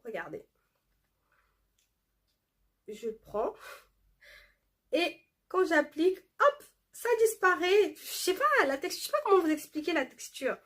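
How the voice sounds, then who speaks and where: A woman's voice: very high-pitched, sing-song, a little slow, long pauses, fairly bright tone. A woman chatting casually to camera in a beauty haul video, reading product labels aloud with lots of fillers. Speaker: beauty vlogger showing a shopping haul.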